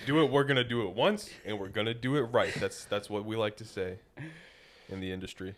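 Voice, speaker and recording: A man's voice: on the low side, a little fast, fairly bright tone. A young man hosting a casual comedy podcast, joking, laughing often and slipping into mock announcer bits. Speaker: podcast host.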